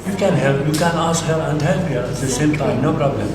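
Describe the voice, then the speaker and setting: A male teacher leading a class, giving slow, deliberate instructions and encouraging his pupils. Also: a little high, a crowd in the background. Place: echoey classroom. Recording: echoey classroom from far off, noisy.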